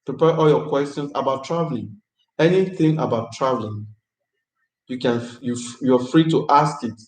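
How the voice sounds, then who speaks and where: A man hosts a live-stream chat, answering viewers' questions in a chatty, upbeat way. He repeats his phrases as he talks. His voice sits at a middle pitch and carries a noticeable roomy echo. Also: normal speed, darkish tone.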